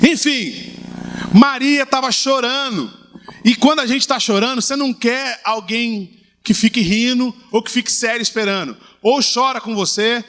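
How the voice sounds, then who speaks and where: A high-pitched middle-aged man delivers a sermon from the pulpit. He preaches with lively humor, slipping into little acted-out exchanges to make his point. His bright, raised voice carries the playful warmth of a pastor talking to his congregation.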